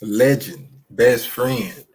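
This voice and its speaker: A man with an East Texas country twang, a basketball coach telling loud, animated stories in a casual live interview. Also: medium pitch, very slow, husky.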